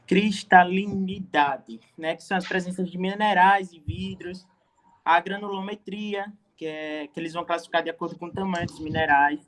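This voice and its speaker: A man's voice: sits high, steady tone, a little fast, a bit bright. A man with a Brazilian Portuguese accent, a student answering in an online class, hesitant and stumbling over words. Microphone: computer mic on video call. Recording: noisy video-call audio.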